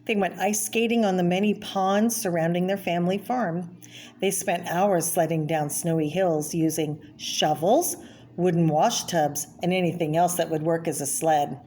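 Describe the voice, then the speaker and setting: A woman reads a children's art book aloud in a lowish, slightly mellow voice, keeping her intonation fairly even and her pace moderate. She explains things plainly as though to young listeners and adds short personal asides; the homemade video has clear background noise.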